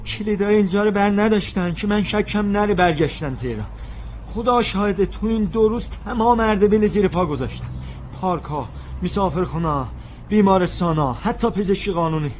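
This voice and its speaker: Worried middle-aged uncle, high-pitched, agitated and complaining. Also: male voice, animated, slight background noise. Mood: exasperated. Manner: agitated, complaining, calls out loudly. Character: anxious exasperated uncle, weary from travel. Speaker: uncle searching for the children.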